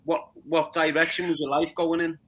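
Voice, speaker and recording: A man in his forties with a Liverpool accent, interviewing a guest with halting, repeated words. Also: a little high, flat delivery, fairly bright tone, dull audio. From Liverpool, England. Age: 40s. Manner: repeats words, stumbles into questions. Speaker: podcast interviewer. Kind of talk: casual interview.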